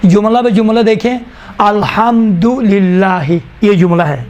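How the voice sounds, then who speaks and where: A male teacher dictating definitions to a class, slowly repeating each phrase so students can write it down. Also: high voice, highs cut off, slight background noise. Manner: slow, repeats each phrase for note-taking. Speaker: Quran recitation teacher.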